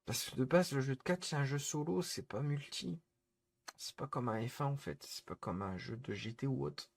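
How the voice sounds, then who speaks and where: Exasperated husky male streamer ranting. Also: mid-range voice, normal speed. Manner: exasperated, repetitive, scolding viewers. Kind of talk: live-stream rant to chat.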